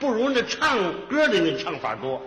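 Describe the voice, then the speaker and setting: A man's voice: sits high, wildly swooping pitch, normal speed, recorded from a distance. A man performing crosstalk comedy on stage as the teasing partner, laughing as he talks. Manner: teasing straight man, laughs while talking, demonstrates singing. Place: stage before a live audience. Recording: echoey hall with loud audience.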